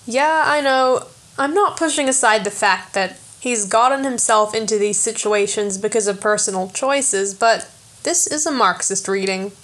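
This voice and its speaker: A woman hosting a podcast, talking through a film analysis in a chatty way with self-aware asides and the odd excited swear. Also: mid-range voice, moderate pace. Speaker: podcast host. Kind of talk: casual film analysis commentary.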